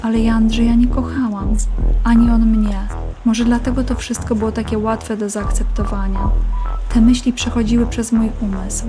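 A woman narrating a first-person story in an intimate, even reading manner. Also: on the high side, normal speed. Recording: narration over background music. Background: music.

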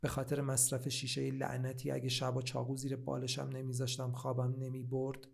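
A troubled male patient with a quiet, trembling voice, as a man reads him aloud. His gravelly, creaky tone sits at a middle pitch. It is told like a storybook. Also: completely flat delivery. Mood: pained. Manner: quiet, shaky voice. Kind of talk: storybook reading.

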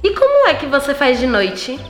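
A woman voicing an excitable little female cockroach in a children's story, with a dramatic, exclaiming delivery. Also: sits high, moderate pace. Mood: eager, coquettish. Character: animated little female cockroach seeking a husband, easily startled. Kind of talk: children's audio story acting. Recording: echoey, long reverb, music behind.

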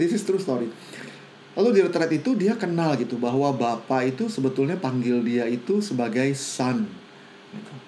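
A man's voice: mid-range voice, warm tone, a little hiss or hum. A man preaching a sermon, telling stories casually and mixing in English phrases.

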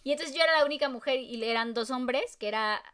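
High-voiced Mexican woman, podcast co-host. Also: quick pace. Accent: Mexican Spanish. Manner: lively storyteller, laughs often. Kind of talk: casual chat.

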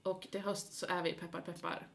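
Woman, lowish voice, Stockholm dialect, casual and joking podcast co-host. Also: level tone, gravelly.

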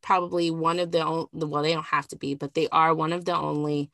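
A woman's voice: low voice, flat delivery, fairly quick, a bit bright, no echo, studio quality. A woman hosting a podcast, introducing guests in a rambling way with many fillers. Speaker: podcast host. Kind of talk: casual podcast chat.

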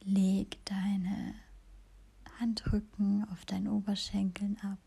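A woman whispers a guided meditation in a slow, soothing hush. Her voice is dark, with a gravelly edge. Breath carries through every word. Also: medium pitch, completely flat delivery. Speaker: podcast host and meditation guide.

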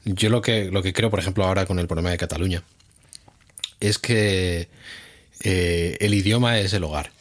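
A man's voice: low-pitched, steady tone, moderate pace. A man from Spain co-hosting a casual chat, explaining at length with hesitations and fillers. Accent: Spanish from Spain. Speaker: co-host.

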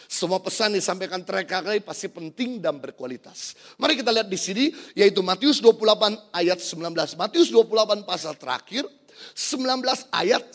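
High-voiced Indonesian man preaching. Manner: shifts from hushed storytelling to loud emphatic preaching. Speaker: pastor. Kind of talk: sermon.

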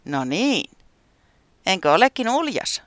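A storyteller voicing an eager, boastful weather creature in a children's storybook, squeaky and loud. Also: no echo. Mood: excited. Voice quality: squeaky, shouty and excited. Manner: pushy and boastful. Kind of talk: storybook character voice.

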